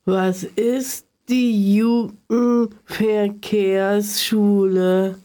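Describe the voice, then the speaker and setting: A woman's voice: medium pitch, steady tone, drawn-out words, dark tone. A woman hosting her own radio show, introducing guests and asking short questions. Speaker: show host. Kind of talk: radio interview.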